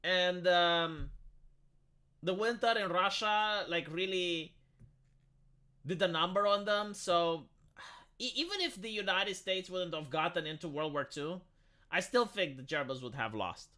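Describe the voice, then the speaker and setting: A man's voice: high-pitched, a little slow, bright, forceful tone. A man with a tinny, metallic sound, chatting casually and bluntly as a live streamer who argues back at comments. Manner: argumentative, blunt, swearing. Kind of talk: casual opinionated chat, answering comments.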